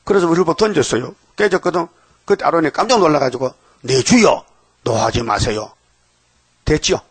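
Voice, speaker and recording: A man's voice: medium pitch, no room sound. An older man preaching a dawn sermon, often asking the congregation questions and acting out voices from the story. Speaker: pastor. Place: church sanctuary.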